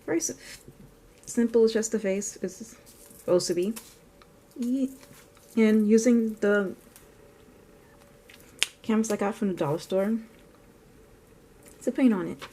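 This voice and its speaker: A woman's voice: medium pitch, unhurried, long pauses, mellow, a little hiss or hum. A woman vlogging as she paints, chatting casually and thinking aloud in a rambling way. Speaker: art vlogger. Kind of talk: casual narration while painting.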